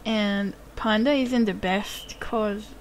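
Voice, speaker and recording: Woman with a gravelly, flat voice. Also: medium pitch, slow pace, a little hiss or hum, low-quality recording. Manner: reads out chat questions and answers them. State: losing her voice. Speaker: live stream host. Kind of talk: casual chat answering viewer questions.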